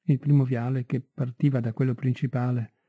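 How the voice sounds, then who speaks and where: A man reading a literary story aloud in a measured, unhurried way, on a tinny, dry recording. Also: mid-range voice, little pitch movement, husky, no room sound. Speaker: audiobook reader. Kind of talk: literary audiobook narration.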